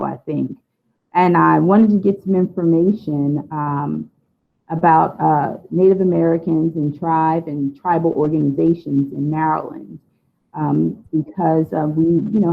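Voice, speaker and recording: Hesitant woman with gravelly, tinny audio. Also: low voice. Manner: hesitant, many fillers. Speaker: guest speaker on funding. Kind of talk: unscripted presentation. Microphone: video call.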